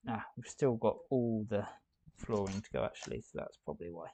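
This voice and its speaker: A man's voice: fairly low pitch, fairly quick, warm tone, slight background noise. A man hosting a live building stream, chatting and thinking aloud as he works. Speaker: host.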